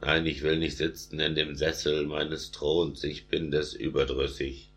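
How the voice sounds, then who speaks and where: A despairing, weary tsarina, voiced by a man reading aloud. The voice stays very deep and flat. She sounds worn down by grief. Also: measured pace. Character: grieving orthodox tsarina, woman ruler.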